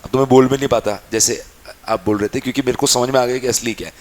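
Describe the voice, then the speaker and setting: A young man teaches a class with an easy, fond manner, calling the students child and dear. He asks questions and answers them in the students' voices, in a middle-pitched voice. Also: fast. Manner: plays out students' questions in a lively back-and-forth. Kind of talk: classroom lecture.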